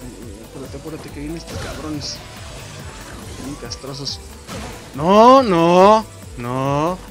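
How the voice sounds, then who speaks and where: Excitable Mexican man yelling over gameplay. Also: a little high, slow. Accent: Mexican Spanish. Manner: excitable, swears and yelps at the game. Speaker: gameplay streamer. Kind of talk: casual gameplay commentary. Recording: game music in the background.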